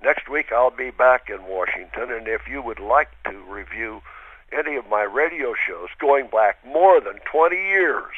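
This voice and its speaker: A man on a telephone line from his farm, reading a steady, earnest radio commentary. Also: medium pitch, a little slow, breathy edge, no echo. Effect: heard over a telephone line. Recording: tinny, dry phone line.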